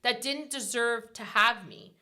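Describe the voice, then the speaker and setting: A woman's voice: a little high, measured pace, bright, forceful tone. A woman in her forties hosting a casual motivational talk show. She speaks emphatically, repeats her points and often ends with "right?". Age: 40s. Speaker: podcast host.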